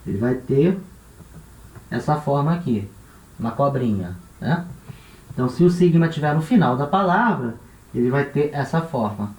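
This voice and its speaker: A man with a Brazilian Portuguese accent teaching a language lesson, slowly repeating each letter and its sound and checking in with tá and né. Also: medium pitch, animated, a little mellow. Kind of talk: classroom-style lesson. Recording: echoey room.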